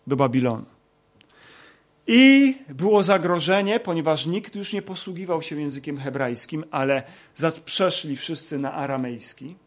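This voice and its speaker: A man teaching a Bible lesson, talking slowly with many hesitations and fillers. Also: on the high side. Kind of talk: lecture with slides.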